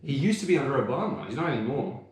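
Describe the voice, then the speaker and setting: A man chats casually on a podcast, rambling from point to point and swearing freely. His voice sits at an ordinary middle pitch, with a strong echo from the room around him. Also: big pitch swings, rapid-fire, a little hiss or hum. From Australia. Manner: swearing, laid-back, rambling. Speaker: podcast co-host. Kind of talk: casual chat.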